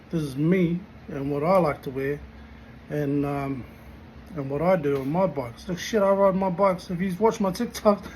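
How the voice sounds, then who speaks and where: A man's voice: fairly high pitch, a little mellow, slight background noise, poor audio. A man giving a casual, blunt rant to camera in sweary slang. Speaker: motorcycle vlogger.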